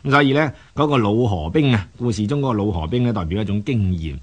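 This male host speaks unscripted, lecturing as he goes, halting and frequently repeating himself. His pitch sits fairly low and his delivery is expressive.

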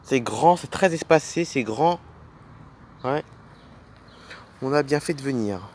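A man's voice: mid-range voice, takes it slowly, darkish tone, slight background noise. A man narrating a playful toy film as a dad, pointing things out to the kids with enthusiasm.

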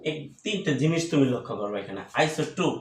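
Bangladeshi teacher guy, bit high voice, goes over the same definitions again and again. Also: a little hiss or hum. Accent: Bangladeshi Bengali. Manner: slow, repetitive, drilling definitions. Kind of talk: chemistry lesson at a board. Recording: echoey room.

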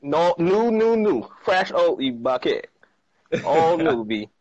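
A man's voice: on the high side, sing-song, slow pace, darkish tone, no echo. A man in his thirties with a Barbadian accent, speaking casually on a video call from a sunny patio, laughing often and repeating words for emphasis. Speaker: guest, trader and chef. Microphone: earphone mic on a video call. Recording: slightly muffled, dry video-call audio.

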